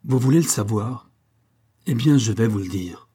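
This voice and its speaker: A man's voice: fairly low pitch, expressive, moderate pace, warm tone, breathy edge. A man playing a defiant, breathless captain. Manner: proud, dignified defiance. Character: heroic French male army captain, defiant under torture.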